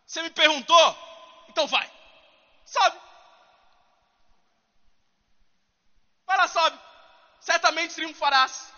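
A sarcastic, mocking prophet, as a preacher puts him on, goading in a teasing sing-song. The voice sits very high and bright, with a long church reverb around it. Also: male voice, unhurried, muffled recording, full character voice. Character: sarcastic male prophet mockingly urging a king on.

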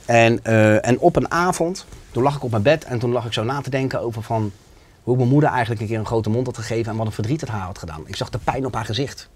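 A man's voice: mid-range voice, fast talker, slightly rough. Man, interview guest, earnest and emotional personal testimony.

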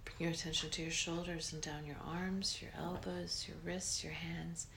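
Low, hushed woman guiding meditation, soft whispery. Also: little pitch movement, gravelly, noisy background. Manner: slow, soothing delivery with long pauses. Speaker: meditation guide. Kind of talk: guided meditation in a soft, breathy near-whisper.

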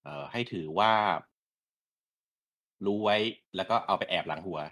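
A young man co-hosting a casual gaming talk show, speaking bluntly with a wry, deliberate manner. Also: sits low, a bit bright, dry recording, studio quality. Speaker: co-host of a gaming news show. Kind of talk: casual chat.

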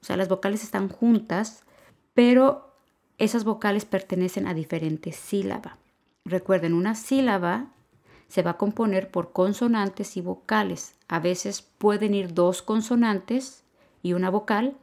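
A woman's voice: mid-range voice, measured pace, a little mellow. A woman giving a podcast grammar lesson, patiently explaining and repeating key points. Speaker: Spanish teacher.

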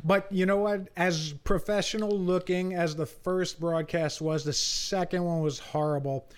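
A man with a notably high voice co-hosting a casual basketball podcast. He is blunt and opinionated, criticizing the broadcasts freely. When he gets going he repeats his words and pushes ahead. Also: steady tone, a little slow, clean tone. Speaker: podcast co-host. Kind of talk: casual sports chat.

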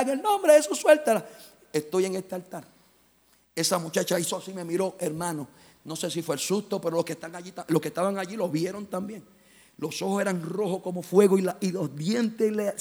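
High-voiced pastor preaching. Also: male voice. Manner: fervent, storytelling, swings between loud and hushed. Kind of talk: sermon.

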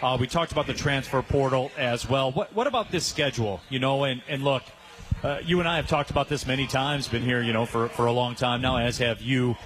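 Male sports radio host, mid pitch, upbeat and chatty, live remote from a pub. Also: brisk, fairly bright tone, rough recording. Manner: upbeat, plugs sponsors, fills with "uh". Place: pub during a live broadcast.

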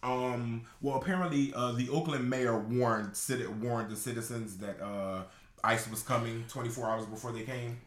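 Man, podcast co-host. Teasing, chatty, halting delivery, mid pitch, roomy echo. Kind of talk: casual chat. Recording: echoey room.

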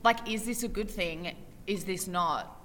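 A woman's voice: on the low side, unhurried, a bit bright. A young woman, co-hosting a podcast in casual, rambling chat and laughing often. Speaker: podcast co-host.

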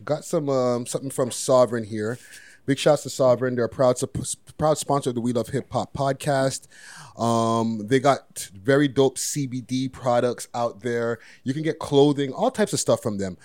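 Male podcast host, medium pitch, dry close sound, casual slang, repeated phrases. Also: moderate pace, a little mellow, no echo.

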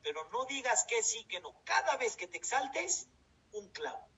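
A man's voice: very animated, moderate pace, sharp tone, heavily acted. A man voicing a stern but loving father giving firm instructions. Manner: firm, scolding. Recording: distant dull recording with rumble.

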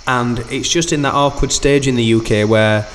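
A man's voice: mid-range voice, steady tone, moderate pace, a bit bright, a little hiss or hum. A man hosting a podcast, chatting loosely and packing his talk with "like". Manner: chatty, loose, piles up fillers like "like". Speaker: podcast host. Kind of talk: casual podcast chat.

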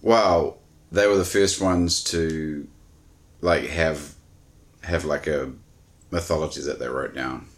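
A man's voice: a bass voice, steady tone, slow, pauses often. A man co-hosting a podcast in casual chat, teasing his partner with dry questions. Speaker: podcast co-host.

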